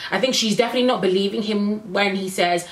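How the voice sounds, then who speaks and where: A woman's voice: medium pitch, quick pace. A woman recapping a reality show in a casual, blunt and opinionated way, with exasperated asides. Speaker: reality TV reviewer. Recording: echoey room.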